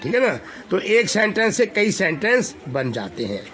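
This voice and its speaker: A male schoolteacher leading a classroom speaking lesson for young children, slowly repeating each phrase and quizzing the class. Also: high-pitched, big pitch swings, fairly bright tone. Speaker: school teacher.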